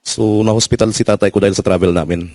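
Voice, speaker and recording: Low-voiced ex-soldier man, earnest and quick, dry close mic. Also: steady tone, a little mellow, dry recording. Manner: earnest, pleading, polite. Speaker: former soldier. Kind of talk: personal testimony in a panel.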